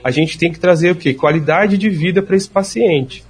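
A man's voice: high-pitched, moderate pace, breathy edge. A man, a speech therapist patiently explaining treatment step by step in an interview.

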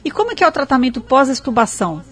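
Woman interviewer, husky tone, short questions. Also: high-pitched, big pitch swings, very fast, fairly bright tone. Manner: brief, inquisitive questions.

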